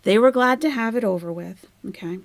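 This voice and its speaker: A woman hosting a casual livestream and telling a story, animated, laughing often and acting out the people she quotes. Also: on the high side, a little fast, vocal fry, dry recording. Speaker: channel host telling a story.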